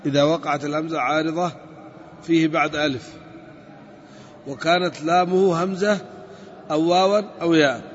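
A man with a high voice teaches a grammar lesson, working through each step and stretching out the word forms as he repeats them. The recording is dull and lo-fi, with a long reverb hanging over his voice. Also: steady tone. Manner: methodical, repeats and spells out word forms slowly.

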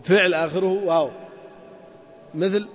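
This grammar teacher's voice sits high with fairly even intonation, a little slow, with slight background noise. He methodically repeats points and quizzes his class, and the dull lo-fi recording reverberates as in a hall.

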